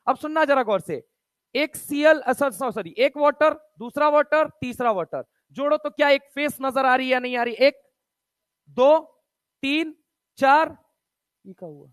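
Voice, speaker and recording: A man teaching a chemistry lesson, firing quick questions at students, counting aloud and mixing Hindi with read-out English textbook lines in a casual, chummy way. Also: very high voice, fairly bright tone, no room sound. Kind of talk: online chemistry lecture.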